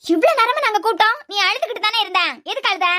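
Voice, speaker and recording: A shrill, bright-voiced cartoon grandmother with a Kanyakumari Tamil accent scolds and interrogates the family in rapid bursts. She is bossy and suspicious, as a woman voices her. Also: lively intonation, full character voice. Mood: scolding. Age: older.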